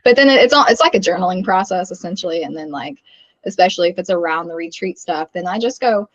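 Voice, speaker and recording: A woman's voice: lowish voice, animated, fast, no room sound. Candid woman guest, dull lo-fi sound. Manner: candid, rambling with fillers. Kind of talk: casual conversation.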